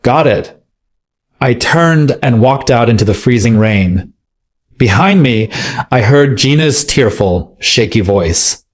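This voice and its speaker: Man reading a story in steady narration. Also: medium pitch, slow. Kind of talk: scripted narration.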